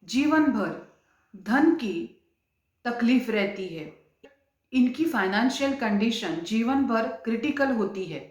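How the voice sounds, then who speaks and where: Woman astrologer in an echoey room. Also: fairly high pitch. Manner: measured, repeats key terms for clarity. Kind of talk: explanatory talk on astrology.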